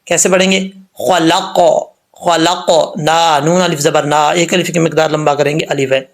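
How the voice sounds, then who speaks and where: Man teaching Quran recitation, slow drawled demos. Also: on the high side, steady tone. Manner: explains letter by letter, drawls recited words slowly, scolds commenters. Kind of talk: tajweed lesson with slow recitation.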